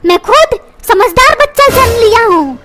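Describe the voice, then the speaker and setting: A woman voicing a cheeky young boy in a comic cartoon who talks back to his parents in a bossy, squeaky voice. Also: animated, moderate pace. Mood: defiant. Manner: defiant, bossy. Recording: very loud music underneath.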